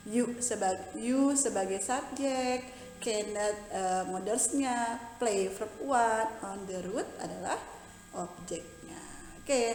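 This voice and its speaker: A woman teaching English with an Indonesian accent, explaining patiently and slowly in a mix of English and Indonesian. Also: mid-range voice, a little mellow, reverberant, big-room sound, low-quality recording. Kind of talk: bilingual classroom lesson.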